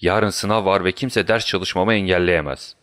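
A man's voice: deep voice, steady tone, normal speed, fairly bright tone, no echo, studio quality. A man playing a roaring, furious student. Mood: enraged. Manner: roaring, rude. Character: furious male student shouting through a door.

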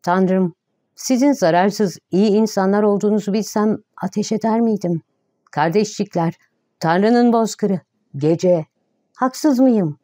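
A woman's voice: medium pitch, slow pace, warm tone, dry recording, studio quality, lightly acted. A woman reading aloud voices a frightened, sick male carpenter who pleads in a trembling, tearful voice. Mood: pleading.

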